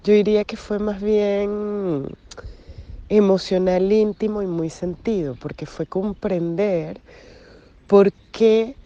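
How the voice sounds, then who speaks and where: A woman giving a personal recovery testimony, reflective and searching, pausing between phrases. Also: mid-range voice, fairly even intonation, warm tone, dull audio. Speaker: recovery group member sharing.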